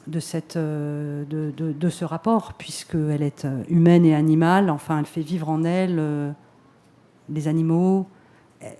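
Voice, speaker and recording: Casting: filmmaker at a press conference, mellow mid-pitched voice, reflective, searching and hesitant. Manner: hesitant, thoughtful, repeating words. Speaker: filmmaker answering questions.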